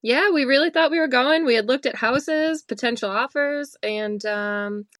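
A woman from Massachusetts, a podcast guest chatting casually, giving brief, soft-spoken answers and laughing often. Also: high voice, moderate pace, no echo, studio quality. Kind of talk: casual chat.

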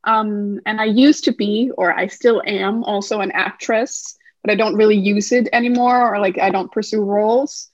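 A woman's voice: mid-range voice, fairly even intonation, moderate pace, hardly any pauses, dry recording, dull audio. A woman from Denmark, a guest numerologist, explaining her work thoughtfully with many fillers. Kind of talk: podcast interview.

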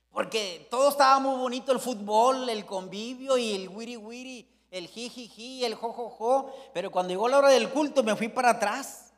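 Fervent preacher, high gravelly voice. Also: male voice, big-room sound. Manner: fervent, swings between shouting and hushed storytelling. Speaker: pastor. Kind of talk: Pentecostal sermon.

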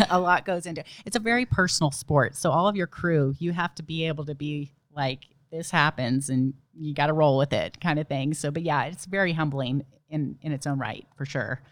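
A woman's voice: deep voice, animated, normal speed, dry recording. Young adult woman, casual storyteller, laughs a lot, dry close recording. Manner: chatty storyteller, laughs often, many "like" and "you know". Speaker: ultramarathon runner and nurse guest. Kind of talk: casual podcast interview.

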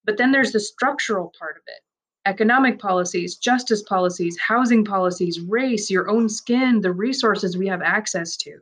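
A woman narrates a man's first-person story aloud, her middle-pitched voice steady and measured. She reads it reflectively and earnestly, holding an even course throughout.

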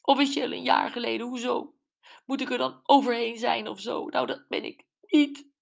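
A woman doing a shrill, furious jilted wife. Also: steady tone, normal speed, gravelly. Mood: upset, indignant. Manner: shrill, agitated and indignant. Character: upset, bitter woman, furious at her ex.

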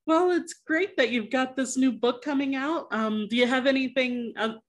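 A woman's voice: high-pitched, moderate pace. A woman hosting a podcast interview, chatting in a friendly way and laughing often. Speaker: podcast host. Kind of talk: casual interview chat.

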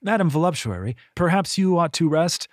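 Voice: medium pitch, lively intonation, moderate pace, dry recording, clean studio sound, pitched above the performer's own voice, natural voice. A narrator voicing a composed young noblewoman who speaks politely and evenly. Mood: guarded.

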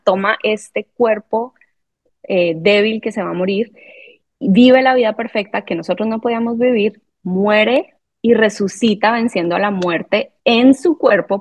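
A woman's voice: medium pitch, darkish tone. A woman co-hosting a podcast, speaking earnestly about faith. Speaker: podcast co-host. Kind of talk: casual faith discussion.

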